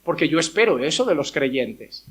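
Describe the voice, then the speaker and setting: A man's voice: a little high, sing-song, moderate pace. A male pastor preaching a sermon in a church, emphatic, with rhetorical questions and voices acted out as quotes.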